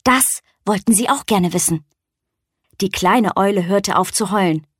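A woman reading a children's story aloud in an expressive, animated storytelling manner. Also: medium pitch, a little slow, husky, dry recording, studio quality.

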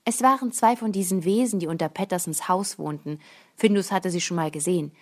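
Woman calmly reading a children's story. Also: on the low side, a little fast. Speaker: narrator.

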